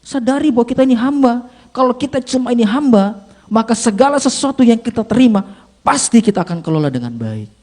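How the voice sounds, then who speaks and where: A man's voice: very high voice, expressive, a little fast, darkish tone. A male pastor preaching a humorous story-based sermon, speaking animatedly and often addressing the congregation directly.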